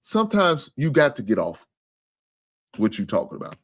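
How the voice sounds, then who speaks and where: A man's voice: medium pitch, wildly swooping pitch, normal speed, fairly bright tone, a little hiss or hum. A man hosting a live sports stream in casual, profane talk, earnest and repetitive.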